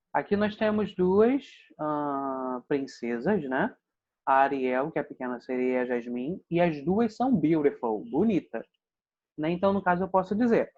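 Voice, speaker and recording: A man with a Brazilian Portuguese accent, an English teacher calmly explaining grammar in an online lesson. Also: on the high side. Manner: patient, explanatory, frequent "né?" check-ins. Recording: dull lo-fi sound.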